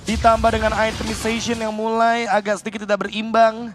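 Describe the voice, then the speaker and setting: A high-pitched man with an Indonesian accent breaks down a live match as an esports analyst. Music plays clearly behind his commentary. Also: completely flat delivery, a little fast.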